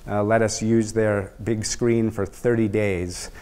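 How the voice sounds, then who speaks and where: A man's voice: lowish voice, little pitch movement, takes it slowly, background noise. Middle-aged guy lecturing in a big hall into a lectern mic, explains with analogies, says uh now and then. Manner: explanatory, uses analogies, some fillers. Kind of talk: university lecture.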